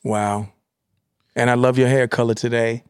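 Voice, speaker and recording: A man interviewing an actress, admiring and a little halting as he searches for words. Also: mid-range voice, flat delivery, smooth, no echo, studio quality. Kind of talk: casual interview chat.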